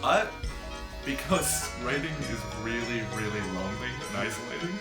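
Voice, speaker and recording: A man in his twenties answering interview questions in a relaxed way with hesitant fillers. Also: medium pitch, moderate pace, loud music behind the voice. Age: 20s. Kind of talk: casual interview. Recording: echoey room.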